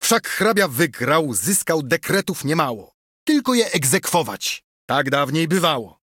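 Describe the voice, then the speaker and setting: A man's voice: fairly high pitch, sing-song, unhurried, fairly bright tone, breathy edge, dry recording, studio quality, pitched above the performer's own voice, heavily acted. A man voicing an embittered old male steward who rouses a crowd with impassioned speech, in an audiobook reading of an epic poem. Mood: rousing. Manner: impassioned, rousing.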